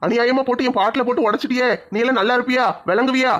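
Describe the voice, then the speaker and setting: A man's voice: very high-pitched, steady tone, rapid-fire, fairly bright tone. An actor playing a drunken, shameless middle-aged father. He talks in a blustering, mock-pleading way. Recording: dull lo-fi sound.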